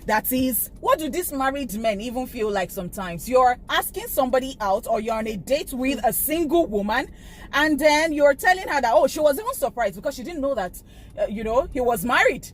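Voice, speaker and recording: Excitable Nigerian woman hosting a chat. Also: sits high, brisk, slight background noise. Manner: excitable, animated storyteller. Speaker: host. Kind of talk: casual chat.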